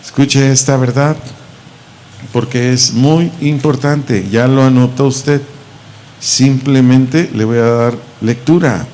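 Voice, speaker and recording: A man with a Mexican Spanish accent, teaching a Bible lesson as pastor, slowly repeating and spelling out words. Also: medium pitch, fairly even intonation, darkish tone, a little hiss or hum. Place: church auditorium.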